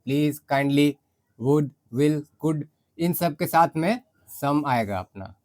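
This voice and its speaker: Indian man teaching grammar, raised pitch. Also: lively intonation, a little mellow. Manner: explains step by step, reads example sentences slowly. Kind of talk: grammar lesson in Hindi with English examples.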